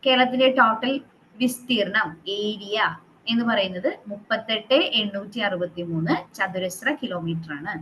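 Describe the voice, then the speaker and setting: A woman's voice: fairly high pitch, dull audio, slight background noise. A woman teaching a geography class who quizzes her students and repeats the figures to drill them, mixing in English terms.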